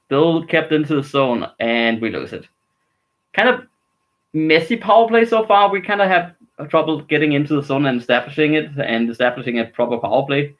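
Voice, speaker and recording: A man's voice: on the high side, moderate pace, rough recording. A man from Denmark, giving casual, rambling live reaction commentary on a hockey game and grumbling about his team's play. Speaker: streamer.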